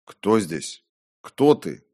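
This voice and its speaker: A man's voice: lowish voice, moderate pace, lightly acted. A man voicing a terrified medieval mason who speaks strained, pleading and crying out, in an audiobook. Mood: frightened desperate. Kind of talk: audiobook character voice.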